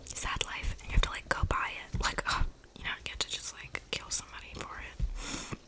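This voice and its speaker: At a moderate pace and in a natural voice, a woman voices a quirky, talkative young vampire for a slangy ASMR roleplay, deadpan and gossipy. Her breathy, creaky whisper rambles with plenty of "likes," and her breathing is audible on the close mic.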